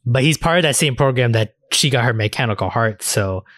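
A male podcast host with a medium-pitched, slightly bright voice chats casually about anime. He is animated and brisk, rambling enthusiastically and swearing freely.

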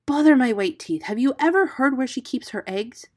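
A woman voicing a brave, impatient male mongoose in a storybook, scolding and forceful. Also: mid-range voice, big pitch swings, fairly quick, husky, voice pushed up.

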